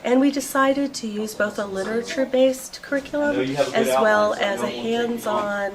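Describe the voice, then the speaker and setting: A female teacher describing her summer class curriculum in a steady, measured way. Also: on the high side. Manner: steady, measured, a few fillers. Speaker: teacher of deaf students. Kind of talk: explaining a program to camera. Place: busy school classroom. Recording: loud classroom chatter behind. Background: loud chatter of students.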